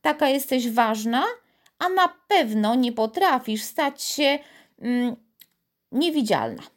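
A woman's voice: a little high, very animated, a little slow. A woman doing a doubting young boy. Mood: agitated. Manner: skeptical, mocking, easily riled.

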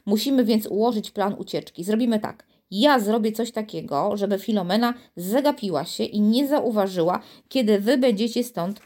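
A woman reading the lines of a brave, quick-thinking boy in a storybook, decisive as he makes plans. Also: mid-range voice, dark tone, lightly acted. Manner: decisive, planning.

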